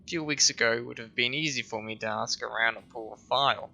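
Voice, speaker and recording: A worn-down detective muses quietly over a strange case, read by a man in his own voice. The tone is brooding and low-key, with a gravelly, sharp edge. It is game dialogue read aloud. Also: quick pace. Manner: brooding, quiet, reflective reading. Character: weary, haunted detective chasing leads.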